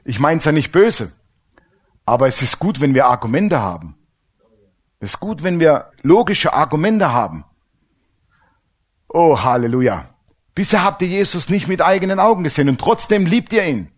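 A middle-aged pastor preaching a sermon, lively, acting out little dialogues. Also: male voice, a little high, moderate pace.

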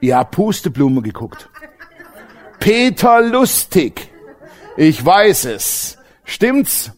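Male preacher, humorous lively sermon style, expressive pitch, slightly high voice. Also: very slow. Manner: animated, jokes with the congregation, swings from loud to hushed.

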